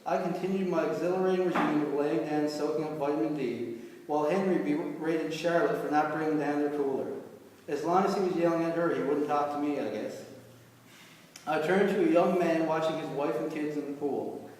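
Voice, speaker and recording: A man's voice: a little high, fairly quick, a little mellow. A man reading his own short story aloud at a live reading, with dry, wry delivery. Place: reading venue hall. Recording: echoey hall, far from mic.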